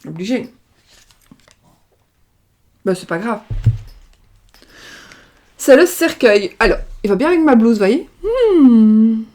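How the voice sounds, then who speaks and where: A middle-aged French tarot reader gives a relaxed livestream reading in a fairly high, slightly mellow voice with big pitch swings. She speaks slowly and pauses often, rambling with many fillers and restarts, recorded on a webcam or desk mic with a video-call feel.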